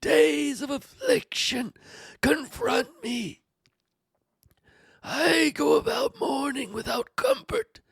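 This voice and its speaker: A woman's voice: sits high, vocal fry, no echo, heavily acted. A woman voicing the suffering old man Job, tearful and pleading, dramatically reading his lament with whispers and cries. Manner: anguished pleading, dramatic swings.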